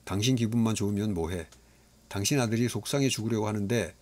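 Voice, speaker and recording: A man's voice: fairly low pitch, fast, a little mellow, lightly acted. A man voicing an angry mother who sharply scolds a boy, in a storybook reading. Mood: scolding.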